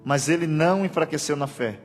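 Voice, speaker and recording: A male pastor preaches with passion, dropping to hushed tones and then rising to near shouts. His voice sits high for a man. It rings with a long church reverb over soft background music. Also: fairly quick. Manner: impassioned preaching, swinging between hushed and shouted. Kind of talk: sermon.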